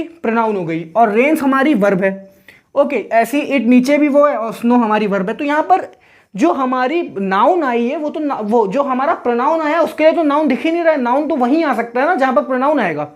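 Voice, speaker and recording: A woman teaching an online English grammar lesson, explaining patiently and repeating herself, and slowing right down whenever she reads out an example sentence. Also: fairly high pitch.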